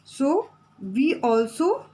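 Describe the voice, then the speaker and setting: A woman's voice: high-pitched, very animated, drawn-out words, dark tone, low-quality recording. A woman teacher, giving a classroom lesson from the textbook, repeating her points and spelling out words.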